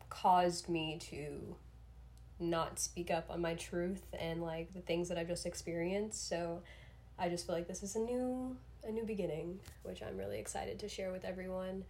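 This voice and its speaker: Young woman podcasting alone, lowish voice, kinda sick, rambly and self-reflective, super casual. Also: darkish tone. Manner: rambling, self-reflective, uses slangy filler "like". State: under the weather, throat-clearing. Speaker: solo podcast host. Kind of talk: casual introspective podcast monologue.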